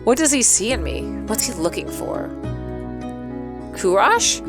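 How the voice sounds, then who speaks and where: A gaming streamer with a fairly high, very animated voice reads a visual novel aloud at a measured pace during a let's play. She adds playful, dramatic, giggly asides, with game music playing behind her voice.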